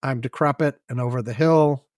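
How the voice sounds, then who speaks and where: A man co-hosting a podcast talks in a loose, rambling way, wry and self-mocking, with casual swearing. His voice sits at an ordinary middle pitch. The sound is close and dry, with no room around it. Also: moderate pace, a little mellow, dry recording. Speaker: podcast co-host.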